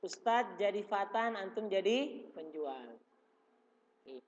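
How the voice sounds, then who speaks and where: Male teacher with an Indonesian accent, patient and slow, repeats phrases, dull echoey classroom recording. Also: high voice, lively intonation. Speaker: religious school teacher. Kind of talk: classroom explanation. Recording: dull reverberant room recording.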